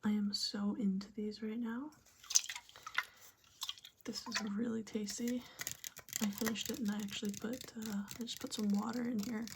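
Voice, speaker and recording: A woman whispering a casual ASMR pep talk in a breathy, gentle, rambling way with pauses. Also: fairly high pitch, flat delivery, background noise. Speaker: ASMR video host.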